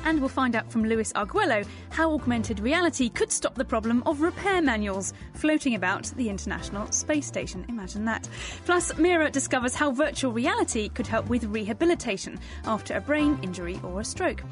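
Bright, curious British woman science host, higher voice. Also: expressive, a little fast, faint music behind. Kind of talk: scripted radio science presenting.

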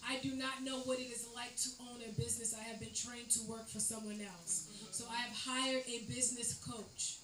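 A woman's voice: a little high, steady tone, normal speed, crowd noise. A woman speaking on a live panel, giving earnest, conversational advice about money and running a business. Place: event space with live audience. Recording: echoey room with ambient noise.

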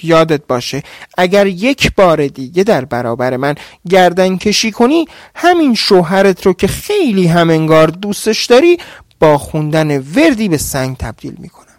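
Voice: medium pitch, big pitch swings, darkish tone, no echo, studio quality, pitched above the performer's own voice, close to an everyday voice. A storyteller voicing an old jinn witch, a domineering mother who gives stern, threatening orders. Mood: scolding. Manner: commanding, threatening.

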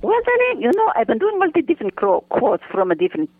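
Man putting on a feisty older woman, darling-heavy broken English, high sing-song voice, phone line. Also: wildly swooping pitch, quick pace, vocal fry, husky, heavily acted. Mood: doting. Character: doting, feisty older foreign-accented woman. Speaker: regular segment guest. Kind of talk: comic phone-in chat.

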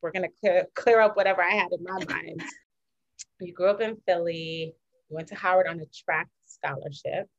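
A woman's voice: on the low side, fairly even intonation, moderate pace, vocal fry. A woman interviewing a guest in casual conversation, asking enthusiastic, rambling questions. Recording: dull lo-fi sound.

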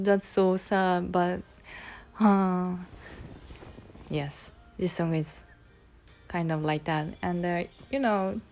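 A woman with a Kansai accent chats casually by herself, playful and musing aloud as she switches between English and Japanese. Her voice sits on the low side and is a little mellow.

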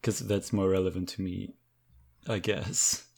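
A man chatting casually on a podcast, slow and laid-back. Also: low-pitched, little pitch movement, vocal fry, darkish tone. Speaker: co-host.

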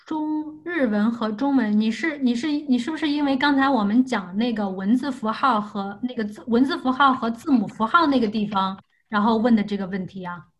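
A woman's voice: a little high, a little fast, lo-fi sound. A woman teaching an unscripted online language lesson, explaining step by step and often repeating and rephrasing herself.

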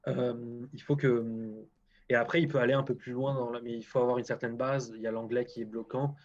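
A man's voice: medium pitch, little pitch movement, brisk, dull audio. A man speaking as a guest scientist in a casual interview, frank and hesitant, often restarting his sentences.

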